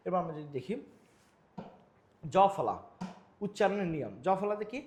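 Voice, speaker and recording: Teaching grammar over slides for exam prep, a young man repeats every rule and keeps asking himself rhetorical questions. His voice sits high and is a little mellow, very animated, at normal speed.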